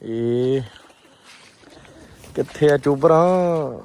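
A man giving casual, animated vlog commentary, often repeating short phrases. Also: medium pitch, drawn-out words, clear, resonant tone. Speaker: pigeon keeper and vlogger.

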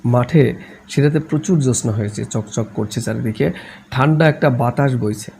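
A man reading a novel aloud in a calm, measured way. His voice is dark and mellow with a rough, gravelly grain, sitting at an ordinary pitch for a man. A faint hiss of noise lies under the reading. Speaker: narrator.

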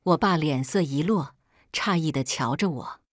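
A woman's voice: sits low, moderate pace, no room sound, studio quality. A woman narrating a dramatic first-person story, cold and taunting in the quoted lines.

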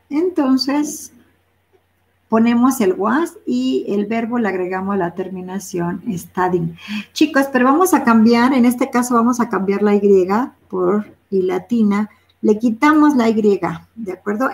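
Gravelly-voiced woman teaching English. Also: mid-range voice, a little mellow. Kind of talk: bilingual classroom explanation.

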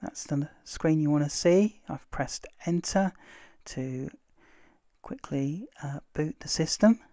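A man's voice: on the high side, slow pace, dry recording, studio quality. Chatty man narrating a tutorial. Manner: relaxed, chatty, many "uh" fillers. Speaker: tech tutorial host. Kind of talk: casual screen-recorded tutorial narration.

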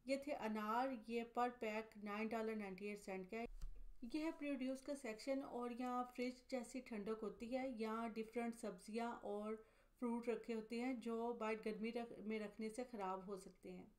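A woman with a fairly high voice narrates a store-tour vlog as a scripted voice-over. She talks steadily and plainly, walking through items and their prices one after another. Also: normal speed. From Pakistan. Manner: steady, matter-of-fact, listing prices item by item. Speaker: vlogger, mother.

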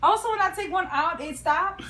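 A woman's voice: very high-pitched, moderate pace. A young woman at home, flustered and begging her boyfriend to stop filming her. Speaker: girlfriend receiving a gift. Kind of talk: casual home chat. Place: room at home. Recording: roomy home room with background noise.

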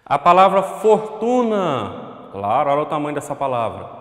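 A man's voice: on the high side, very animated, normal speed, fairly bright tone. A male primary school teacher with a Brazilian accent gives an online lesson at a whiteboard. He speaks patiently to the pupil at home, draws out words for dictation and checks in with "ok?". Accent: Brazilian Portuguese. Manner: addresses the pupil at home, asks "ok?". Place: classroom with a whiteboard. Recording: echoey room with long reverb.

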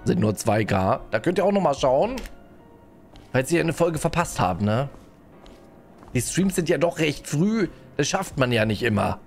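A man's voice: medium pitch, big pitch swings, measured pace, soft background music. A man streaming a game live, chatting and greeting viewers as he plays, often tagging his sentences with a questioning "ne?". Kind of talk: live gameplay commentary.

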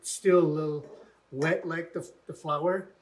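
An older man from the Navajo Nation, working as a chef in a cooking demonstration in a home kitchen, speaking in relaxed, halting bits. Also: fairly high pitch, a little hiss or hum. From Navajo Nation, Arizona.

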